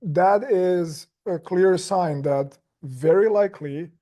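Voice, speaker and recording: A man speaking as a guest on a podcast, casual and measured, often restarting his sentences. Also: high voice, mellow. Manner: measured and slow, with frequent restarts and "like" fillers. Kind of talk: casual chat.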